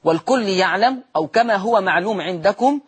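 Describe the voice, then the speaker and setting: A man's voice: high voice, animated, brisk, husky. A man with an Egyptian accent teaches Quran recitation rules on TV, repeating and stretching each example word and answering his own questions. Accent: Egyptian Arabic. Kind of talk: televised Quran recitation lesson.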